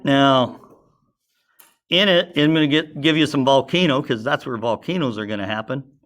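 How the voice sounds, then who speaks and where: A man of medium pitch speaks at normal speed with a slightly bright tone. As a teacher in a casual science class, he draws while explaining, asks his students questions, and chats away, talking to himself as he sketches.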